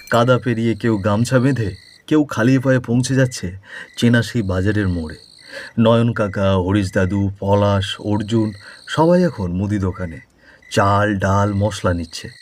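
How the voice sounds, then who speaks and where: A man's voice: medium pitch, a little mellow, a little hiss or hum. A man narrating a village folk story for a cartoon in a descriptive, atmospheric storytelling manner.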